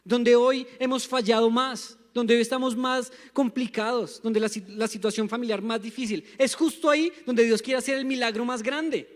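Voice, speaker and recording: A man's voice: very high voice, steady tone, normal speed, hardly any pauses. A young man from Colombia with a Bogotá accent preaching a sermon, emphatic and calling on the congregation to repeat after him. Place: church sanctuary. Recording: long church hall reverb.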